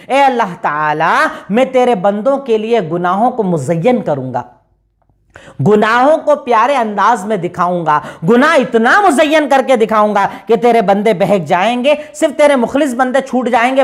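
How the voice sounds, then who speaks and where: A woman giving a religious lecture, emphatic, asking rhetorical questions and answering them, reciting Arabic verses slowly. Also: on the high side. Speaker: Islamic preacher.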